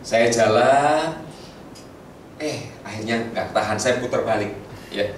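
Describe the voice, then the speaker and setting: A middle-aged pastor from Tegal, telling stories in a chatty sermon and speaking to the congregation. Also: male voice, medium pitch, slow, recorded from a distance, slight background noise. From Tegal, Central Java. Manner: storytelling, lively, chatty asides to the congregation. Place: church hall. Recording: echoey hall, mic from afar.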